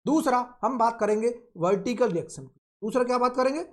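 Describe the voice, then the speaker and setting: A man teaching engineering in a recorded online lecture, drawing out and repeating key phrases and asking and answering his own questions. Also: very high voice. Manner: slow, drawn-out repetition of key phrases. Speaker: engineering tutor.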